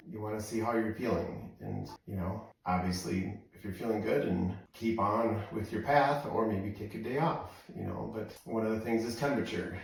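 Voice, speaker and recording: A man's voice: fairly low pitch, gravelly. Echoey, distant American man sitting in icy water. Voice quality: frequent "you know" filler, halting phrasing. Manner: talking while sitting in ice cold water. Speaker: vlogger doing a cold plunge challenge. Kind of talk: casual vlog chat, rambling advice. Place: outdoor deck, in a cold plunge tub.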